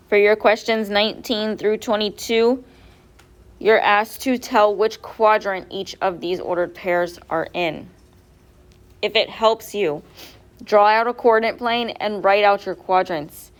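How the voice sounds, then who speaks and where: A woman teacher going over quiz answers step by step in a classroom, asking her students questions as she goes. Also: lowish voice. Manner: patient, step-by-step, quizzes students. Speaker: math teacher.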